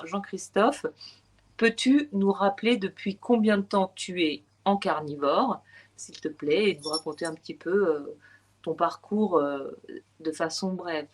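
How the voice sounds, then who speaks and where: A woman's voice: fairly low pitch, measured pace. A woman hosting a conversational online interview, introducing her guest and putting questions.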